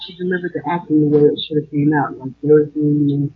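A man's voice: on the high side, steady tone, quick pace, breathy edge. A man co-hosting a casual podcast chat, chatty, full of you know, often calling the host girl. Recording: phone-like line.

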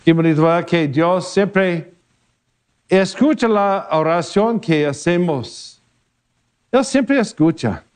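A man, a priest, reading a gospel passage and then giving a gentle, easygoing homily with small laughs and playful repetitions. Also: high-pitched, animated, slow pace.

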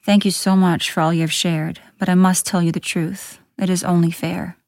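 Woman reading a gruff but gentle beast. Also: fairly low pitch, flat delivery, moderate pace, no echo, clean studio sound, lightly acted. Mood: solemn confession. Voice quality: gruff, soft-spoken.

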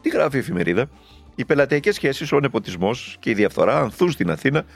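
A man delivers a fiery political monologue in a gravelly voice, his pitch swinging widely as he jabs with sarcasm and rhetorical questions. Faint music plays underneath. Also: sing-song. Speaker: political commentator.

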